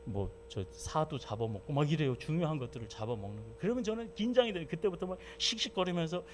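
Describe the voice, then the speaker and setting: A male pastor preaching a sermon who moves between loud fervent exhortation and relaxed, chatty storytelling. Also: on the high side, fast, slight background noise. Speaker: senior pastor.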